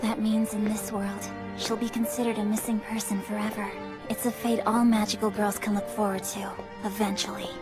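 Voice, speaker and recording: An actress playing a resolute young magical girl who speaks in a flat, matter-of-fact way. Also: mid-range voice, normal speed, music in the background, close to an everyday voice. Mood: cold.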